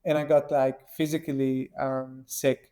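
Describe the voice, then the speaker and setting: A man from Syria answers interview questions as a guest investigator. His voice is mellow and fairly flat in pitch, and he pauses often, with many ums and restarts. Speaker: open-source investigator, guest.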